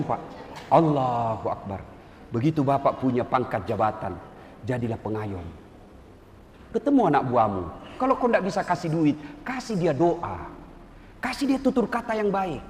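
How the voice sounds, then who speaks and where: A man preaching a lively sermon to soldiers, acting out little dialogues and swinging between loud exclamations and soft asides. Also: sits high, normal speed, slight background noise. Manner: acts out dialogues with changed voice. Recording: echoey hall with faint ambience.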